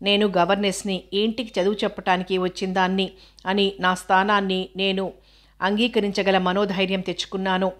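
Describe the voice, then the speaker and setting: Steady, flat-toned woman narrator. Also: mid-range voice. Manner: steady, measured reading. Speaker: audiobook narrator. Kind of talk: scripted first-person narration.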